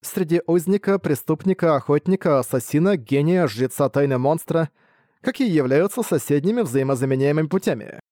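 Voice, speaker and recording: A man's voice: on the high side, lively intonation, fairly quick, dark tone, dry recording, clean studio sound, lightly acted. A man reading the part of a pensive woman in an audiobook, listing things carefully.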